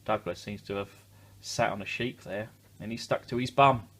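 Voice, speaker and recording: This children's story reader has a low-leaning voice that's fairly bright in tone, with fairly even intonation and normal speed, plus a little hiss or hum. He reads a picture book expressively, stopping for easy asides and questions for the kids.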